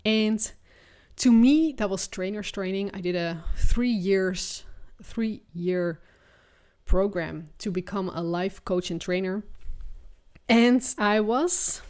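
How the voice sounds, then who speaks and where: A woman's voice: mid-range voice, slow, darkish tone. Encouraging woman with a Dutch accent. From Netherlands. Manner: earnest, encouraging, thinks aloud with restarts. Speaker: podcast host and business coach. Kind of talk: solo podcast monologue.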